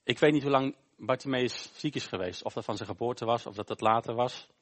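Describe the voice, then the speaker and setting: A man preaches a sermon during a church service. He retells a Bible story plainly and informally, stopping to search for words. His voice sits at a middling pitch. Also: fairly quick, a bit bright. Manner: informal, storytelling, with frequent hesitations. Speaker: pastor.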